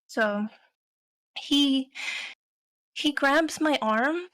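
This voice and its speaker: A woman's voice: sits high, drawn-out words, fairly bright tone, no echo. A young adult woman co-hosting a podcast, telling a story in a rambling, casual way full of fillers. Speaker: podcast co-host.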